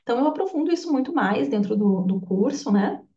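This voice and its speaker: A woman's voice: on the high side, animated, fairly quick, warm tone. A woman giving an informal course lecture, chatty, with lots of tag questions. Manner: chatty, with frequent tag questions and quoted voices. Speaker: Bach flower therapy course teacher. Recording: echoey room, distant lo-fi mic.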